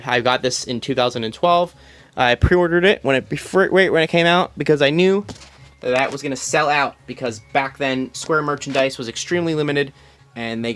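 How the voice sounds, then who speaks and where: A man's voice: medium pitch, fairly bright tone. Rambling young man touring his collection. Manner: rambling, many ums and restarts. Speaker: collector giving a room tour. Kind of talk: casual filmed walkthrough. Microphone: phone camera.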